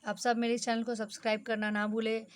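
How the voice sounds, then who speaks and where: A woman teacher giving a brisk, exam-focused lesson, slipping English terms into her instructions. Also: fairly high pitch, monotone, clean tone.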